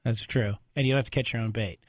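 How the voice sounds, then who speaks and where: A man's voice: medium pitch, fairly even intonation, quick pace, no echo, clean studio sound. A man hosting a call-in radio show, casually explaining legal points to a caller. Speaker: radio show host, lawyer. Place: radio studio.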